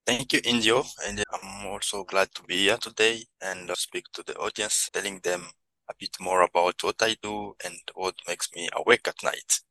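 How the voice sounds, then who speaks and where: A social entrepreneur from the Democratic Republic of Congo gives reflective answers as a podcast guest, speaking earnest, non-native English with a Congolese accent. His low, gravelly voice is bright and forceful at a normal speed, though the audio quality is poor.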